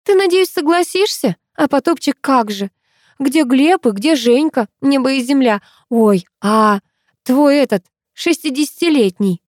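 A woman voicing a chatty, excitable teenage schoolgirl who gossips in rapid chatter. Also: on the high side, no room sound, studio quality, pitched above the performer's own voice, natural voice. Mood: chatty, excited.

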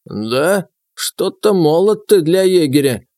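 A man voicing a suspicious, creaky old village man who questions a stranger. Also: fairly high pitch, animated, mellow, dry recording, clean studio sound, pitched above the performer's own voice. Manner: distrustful, drawn-out questioning.

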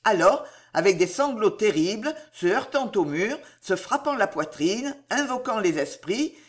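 Expressive audiobook narrator, lively pitch. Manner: measured, expressive storytelling. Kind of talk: dramatic novel narration.

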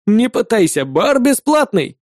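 A rowdy male bartender shrieks and whoops with over-the-top glee, as a narrator puts him on. The voice leaps high and swings wildly. It sounds close and dry. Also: big pitch swings, moderate pace, a little mellow, no echo, full character voice. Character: exuberant, rowdy male bartender, loud show-off.

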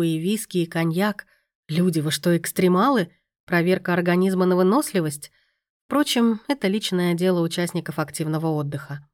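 Low-voiced woman narrating wryly. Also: no echo, studio quality. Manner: wry, sardonic storytelling. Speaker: audiobook narrator. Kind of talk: scripted narration.

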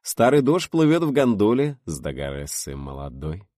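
A man's voice: fairly low pitch, normal speed, dry recording, clean studio sound, voice pushed up. A man voicing a young actor who recites verse with expression, in an audiobook. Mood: playful. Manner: expressive declaiming.

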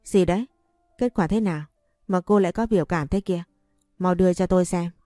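A woman's voice: fairly low pitch, brisk, mellow, no echo, studio quality, soft background music, natural voice. A woman voicing a stern, scornful older mother-in-law who scolds and demands in a storybook reading. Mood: angry.

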